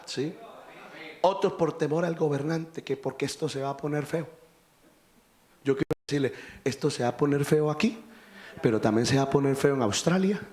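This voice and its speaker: Impassioned high-voiced preacher, echoey hall. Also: male voice, normal speed, pauses often. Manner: impassioned preaching, rising to shouts. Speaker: pastor. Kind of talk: sermon.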